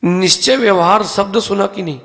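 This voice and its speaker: A man's voice: high voice, moderate pace, a bit bright. A male Jain monk gives a teaching sermon in a temple hall. He explains ideas step by step with everyday objects and asks his listeners questions, calling on them by name.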